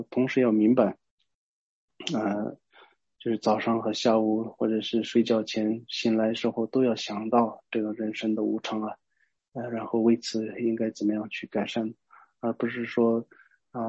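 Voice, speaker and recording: Man, Buddhist teacher; mellow, husky voice, halting delivery; dull lo-fi recording. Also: on the low side, dry recording. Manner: halting, unhurried, with frequent pauses and restarts. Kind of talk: Buddhist dharma talk explaining a verse.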